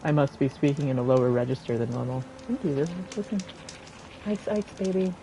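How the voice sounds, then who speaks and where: A woman's voice: very deep voice, animated, quick pace, noisy background. Rambling chatty woman streamer. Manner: rambling, chatty, thinks aloud. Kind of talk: casual chat while gaming. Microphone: desk microphone.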